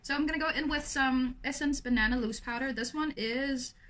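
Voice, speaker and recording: A young woman with a raspy, lazy voice chatting casually through a makeup tutorial, full of fillers. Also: sits high, brisk, fairly bright tone, a little hiss or hum. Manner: lazy, laid-back delivery full of fillers. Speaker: makeup vlogger.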